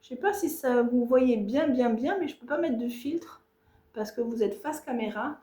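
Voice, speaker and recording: A chatty woman with a somewhat high voice shows off her stitching in a casual home vlog. She talks to the camera with lots of fillers and self-mocking asides. The room around her has a noticeable echo. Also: normal speed, mellow. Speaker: cross-stitch vlogger. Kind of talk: casual show-and-tell vlog. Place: home, filming herself on a tripod. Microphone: tablet or camera on a tripod.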